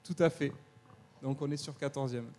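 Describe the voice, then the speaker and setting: A man's voice: mid-range voice, fairly even intonation, normal speed, dark tone. A man hosting a live quiz in a university lecture hall, hesitant and joking, with many restarts. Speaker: quiz host of a web TV talk show.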